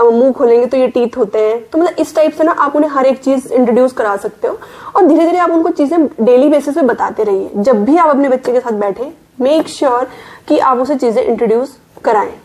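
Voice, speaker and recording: Higher-voiced Indian woman giving parenting tips. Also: darkish tone. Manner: explanatory, mixes English words into Hindi. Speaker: parenting vlogger, working mother. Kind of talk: casual advice talk.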